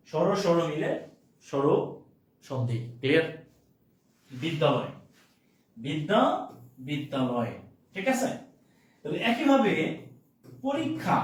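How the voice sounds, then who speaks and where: Echoey high-voiced male teacher, repeating words. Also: recorded from a distance. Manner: repeats key words and keeps checking in with listeners. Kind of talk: grammar lesson.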